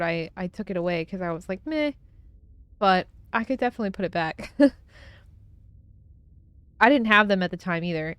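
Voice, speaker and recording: A woman's voice: fairly low pitch, clean tone, dry recording. A young woman streaming from home and chatting casually on a close desk mic, rambling with lots of fillers and frequent laughs. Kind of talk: casual chat while gaming.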